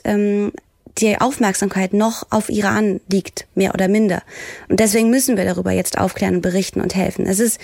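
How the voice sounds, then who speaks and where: A woman's voice: medium pitch, creaky, darkish tone, dry recording, studio quality. A woman journalist and presenter from Germany, speaking in an earnest, heartfelt way about something personal, searching for words with frequent fillers. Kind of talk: earnest discussion.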